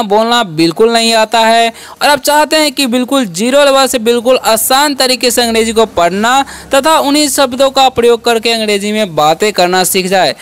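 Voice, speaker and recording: A man's voice: very high voice, a bit bright, clean tone. A man teaching English as a channel's teacher, drilling letter sounds with repeated questions and answers and frequent "okay" check-ins. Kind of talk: classroom-style lesson.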